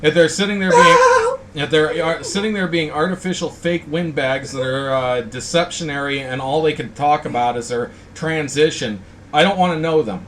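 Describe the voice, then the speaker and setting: A man's voice: a little high, normal speed, fairly bright tone, a little hiss or hum. A man hosting a casual talk video, rambling in a blunt, indignant way. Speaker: host. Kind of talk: casual ranting chat.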